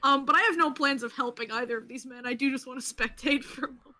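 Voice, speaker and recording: A woman's voice: high-pitched, fast talker, bright, forceful tone. A woman chatting casually as a player in a tabletop role-playing game, wry and informal. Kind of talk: casual improvised role-play chat.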